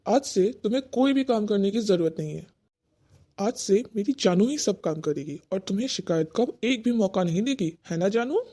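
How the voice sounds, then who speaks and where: A flustered young husband in a cartoon comedy, played by a woman, with a mellow, soft tone and a medium pitch. He keeps pleading to calm his mother and his wife. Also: normal speed, lightly acted. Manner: pleading, placating.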